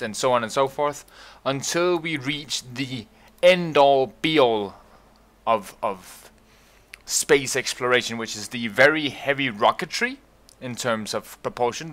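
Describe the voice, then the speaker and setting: A man's voice: mid-range voice, pushed and bright. A man giving casual let's-play commentary, chatty and explaining each step as he builds and plays. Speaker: gaming YouTuber.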